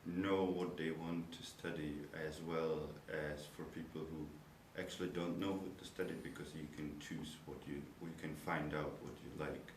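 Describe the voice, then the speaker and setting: A man's voice: extremely low pitch, level tone, moderate pace, few pauses. A young man from the Czech Republic, Czech by first language, a university student answering interview questions in thoughtful, searching English. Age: young adult. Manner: thoughtful, searching for words, nonnative phrasing. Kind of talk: interview answers about his studies. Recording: echoey room, noisy background, mic far off.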